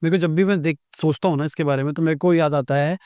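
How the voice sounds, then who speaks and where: High-voiced talk show host. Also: male voice, fairly even intonation, fast, a little mellow, clear, resonant tone, dry recording, clean studio sound. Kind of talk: casual podcast conversation.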